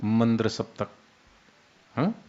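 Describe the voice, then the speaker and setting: Calm man giving a spiritual talk. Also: on the low side, lo-fi sound. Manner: unhurried, explains with everyday examples, demonstrates soft and loud speech. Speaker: spiritual teacher. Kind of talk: devotional discourse.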